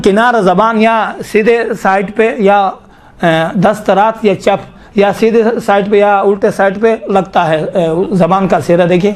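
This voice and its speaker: A man teaches Quranic pronunciation in Urdu with a Pakistani accent, his voice sitting fairly high. He demonstrates letter sounds slowly and repeats syllables again and again so the listener can copy them. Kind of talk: tajweed pronunciation lesson.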